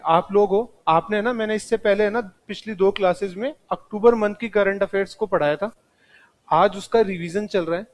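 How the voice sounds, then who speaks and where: A man teaching a live classroom lecture, speaking straight to his students and mixing in English terms. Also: sits high.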